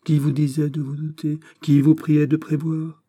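A man voicing a cold, disdainful prelate who speaks calmly and cuttingly. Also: medium pitch, moderate pace, breathy edge. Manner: calm, haughty, cutting. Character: Aramis, a cold, disdainful older male prelate.

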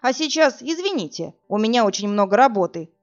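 A woman voicing a weary middle-aged male police captain who talks in a bored, dismissive, unhurried way. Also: fairly high pitch, big pitch swings, faint music behind. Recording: dull lo-fi audiobook recording.

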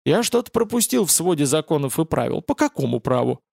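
A man's voice: on the high side, very animated, gravelly, a little mellow, no echo, clean studio sound, heavily acted. A man doing a sardonic mocking fallen angel. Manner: mocking, deliberately casual.

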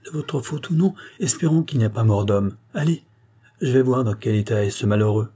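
A man playing a brisk, commanding doctor. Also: mid-range voice, lively intonation, dark tone, husky. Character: calm, authoritative middle-aged male doctor.

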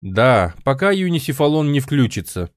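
Practical calm man, slightly raised voice, audiobook, narrator putting him on. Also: medium pitch, normal speed, no echo, studio quality, voice pushed up, lightly acted.

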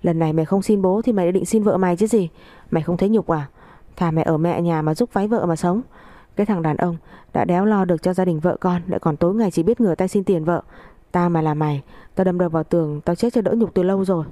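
An angry older brother scolding his sibling with harsh contempt, as a woman narrator plays him. The voice stays low and warm, and it is read close and dry. The figure sounds like an ordinary man in a family quarrel. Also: fast, no echo, natural voice. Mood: contemptuous angry.

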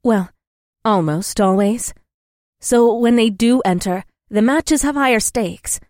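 A man's voice: high-pitched, takes it slowly, a little mellow, dry recording, studio quality, voice pushed up. A man voicing a young warrior princess from another world, who speaks formally and without contractions. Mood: earnest, wondering.

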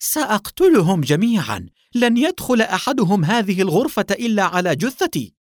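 A man voicing a tall, ruthless male villain who shouts threats and mocks his enemy. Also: lowish voice, sing-song, moderate pace, slightly rough, no echo, studio quality. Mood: furious.

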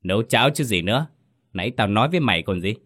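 A man's voice: lowish voice, animated, quick pace, fairly bright tone. A man voicing a callous, harsh village mother in a ghost story reading, snapping and scolding.

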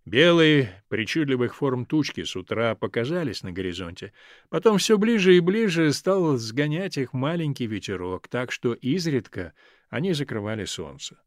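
A man reading a literary story aloud as an audiobook narrator, in an expressive storytelling manner. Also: medium pitch, moderate pace, no echo, studio quality.

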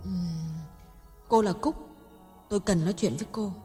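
A woman's voice: normal speed, mellow, lightly acted. A woman voicing a middle-aged doctor's wife who is jealous, harsh and accusing, in an audio story. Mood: furious. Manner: harsh, accusing, shrill outbursts. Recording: long hall reverb, faint music.

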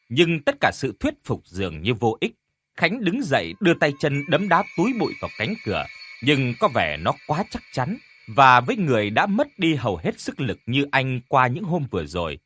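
A man narrating a scripted horror story in a dramatic, expressive way. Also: medium pitch, breathy edge. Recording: faint background music.

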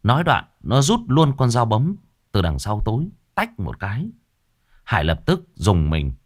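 A man narrating a ghost story in a lively, expressive storytelling manner. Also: on the low side, measured pace.

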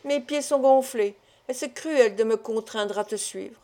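Fretful timid old doctor, high-ish and pleading, put on by a woman narrator. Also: a little slow, mellow. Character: timid, complaining, tired older village doctor, small man.

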